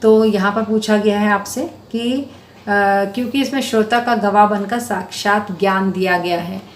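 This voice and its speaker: A woman's voice: medium pitch, moderate pace, reverberant, a little hiss or hum. A woman teacher patiently explaining a school Hindi lesson to children, step by step. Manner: addresses students affectionately as beta.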